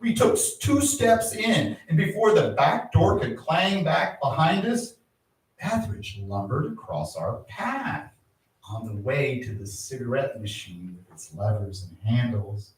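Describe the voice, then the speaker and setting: Older male poet, live memoir reading, measured delivery with sudden dramatic lifts, heard from a distance in a very reverberant space. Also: very animated. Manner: measured storytelling with dramatic swells of pitch and volume. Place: art space, live event. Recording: very echoey room, voice from far off.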